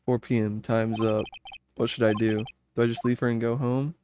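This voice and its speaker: A man's voice: medium pitch, flat delivery, moderate pace, background noise, lightly acted. A man reading the part of an earnest, self-doubting defense lawyer in a video game, often thinking aloud. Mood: earnest, resolute.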